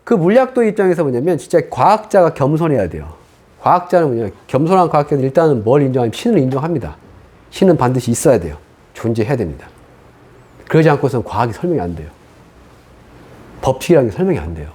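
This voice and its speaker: A middle-aged man preaching a sermon as pastor, telling his own story in an animated way and acting out what he once said. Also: mid-range voice, quick pace, slightly rough. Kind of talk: sermon testimony.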